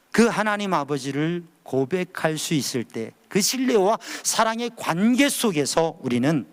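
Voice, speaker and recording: A man in his fifties preaching earnestly at a dawn prayer service, swinging between high emphatic calls and low hushed phrases. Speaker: pastor.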